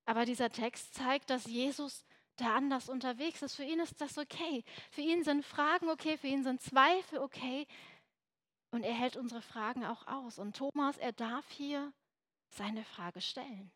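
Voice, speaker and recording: A woman's voice: sits high, normal speed, fairly bright tone, dry recording, clean studio sound. A young woman giving an earnest, emphatic sermon, at times dropping to a near whisper for emphasis. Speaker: preacher.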